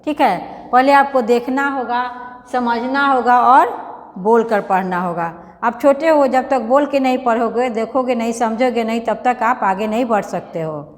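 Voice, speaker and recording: A woman teaching young children a grammar lesson, patiently repeating each word slowly for them to read aloud and coaxing them along. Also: fairly high pitch, long reverb tail. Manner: calls the children beta, coaxing. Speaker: primary school teacher.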